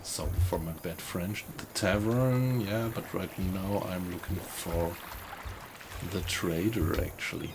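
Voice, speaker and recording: A man's voice: low-pitched, a little slow, noisy background. A man giving casual gameplay commentary, musing to himself and asking himself questions as he goes. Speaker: gaming video host.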